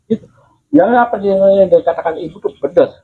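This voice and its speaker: A man telling local stories in a casual, animated way, repeating himself and acting out the voices of the people he quotes. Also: high-pitched, a little fast, vocal fry, husky, narrow, tinny audio. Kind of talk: casual storytelling.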